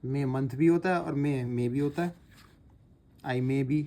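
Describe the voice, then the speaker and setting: A man teaching shorthand step by step, patiently repeating sounds slowly as he writes. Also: mid-range voice, mellow. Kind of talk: explaining step by step while writing.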